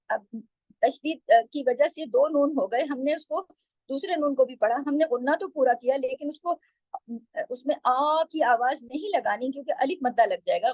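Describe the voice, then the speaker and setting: A woman teaching tajweed, explaining patiently and drawing out syllables slowly when she demonstrates. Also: high voice, a little mellow, dry recording, poor audio. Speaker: Quran recitation teacher.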